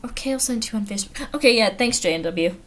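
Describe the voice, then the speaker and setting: Her voice is a little high, fast and animated, with a fairly bright tone. She's an American livestream host from the Carolinas, giggling and chatting loosely as she reads viewer comments over noisy home audio.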